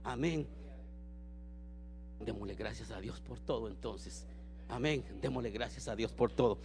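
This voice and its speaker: A man preaching a sermon, swinging between loud exclamations and quiet storytelling. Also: mid-range voice, measured pace, creaky, soft background music.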